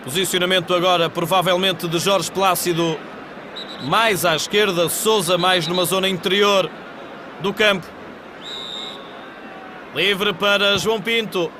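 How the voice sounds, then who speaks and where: A man with a European Portuguese accent giving live football match commentary in measured, descriptive phrases. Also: high voice, steady tone. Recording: 1980s TV broadcast, loud stadium crowd noise. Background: football stadium crowd.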